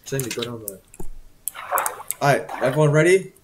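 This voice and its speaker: A young man casually hosting a game session with his friends, easygoing and talkative. His voice sits at an ordinary middle pitch. The recording is noisy, with keyboard clicks underneath. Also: animated, moderate pace. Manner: chatty, laid-back, hosting friends. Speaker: host of a game let's play. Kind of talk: casual gaming commentary.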